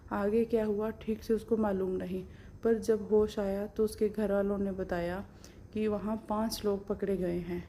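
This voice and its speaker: Calm flat-voiced woman storyteller. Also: medium pitch, slight background noise. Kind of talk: storytelling narration.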